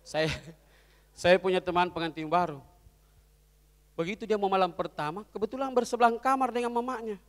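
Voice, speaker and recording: A man tells jokes to a corporate audience in a high, lively voice. He slips in and out of characters, dropping soft for some and shouting for others. The hall's long reverb trails after every line. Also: brisk, long pauses. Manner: lively storytelling, swings between loud and soft voices for characters. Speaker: comedian. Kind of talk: stand-up jokes at a corporate event. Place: event hall.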